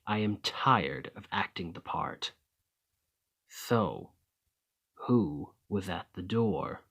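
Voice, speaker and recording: Here the ASMR vampire, a weary, courtly former soldier centuries old, sounds stern and impatient. The man's voice is low, expressive, husky, a bit bright, and exaggerated, while his diction stays formal, old-fashioned, and measured.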